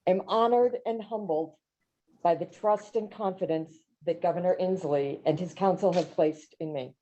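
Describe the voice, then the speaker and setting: A newly sworn-in judge, a woman, gives a formal prepared speech of thanks in a courtroom. Her voice is lowish and warm, at a moderate pace, though the recording sounds dull and muffled.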